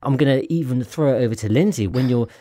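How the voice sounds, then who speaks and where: A man's voice: medium pitch, quick pace, mellow, no echo, studio quality. A man hosting a casual panel chat, asking jokey questions. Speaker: host.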